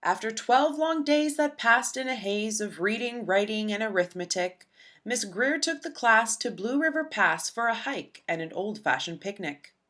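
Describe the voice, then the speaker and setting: Woman, storybook reader, high bright voice, rhythmic dramatic read-aloud, very lively intonation. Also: normal speed. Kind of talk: expressive children's read-aloud narration.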